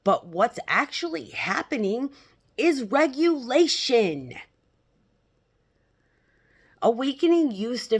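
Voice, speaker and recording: Slow-talking woman, self-help influencer style. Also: mid-range voice. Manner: self-help influencer delivery, blunt, emphatic, halting with check-ins to listeners. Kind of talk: casual unscripted self-help influencer talk to followers.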